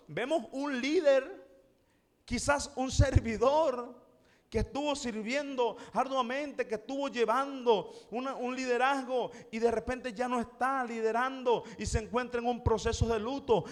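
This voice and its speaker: A man preaching a sermon as pastor, impassioned and slowing down to read scripture. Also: extremely high pitch, in a large hall. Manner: impassioned, slows down for scripture quotes. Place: church sanctuary.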